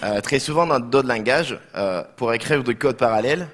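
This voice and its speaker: Man, thirties, Spanish accent, medium pitch, slightly broken French, hesitant rephrasing, technical conference presentation. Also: normal speed, a bit bright. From Barcelona, Spain. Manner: slightly broken non-native French, hesitant with frequent reformulations. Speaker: conference speaker, software developer. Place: conference room, indoors.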